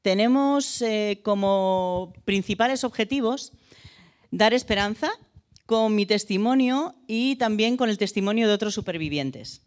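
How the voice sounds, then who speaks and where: Una mujer con acento madrileño que habla a una congregación en una iglesia con micrófono de mano, con algunas muletillas. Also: female voice, medium pitch, measured pace. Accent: Madrid Spanish. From Spain. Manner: hesitant, with fillers. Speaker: guest speaker at a church. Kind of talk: church talk to a congregation. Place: church hall with a small stage. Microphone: handheld microphone.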